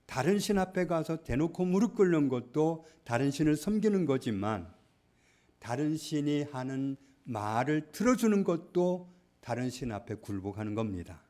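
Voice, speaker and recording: A male pastor preaching a sermon, stressing points loudly and then dropping to hushed asides. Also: on the high side, sing-song, moderate pace. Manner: emphatic, swings between loud stresses and hushed asides. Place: church.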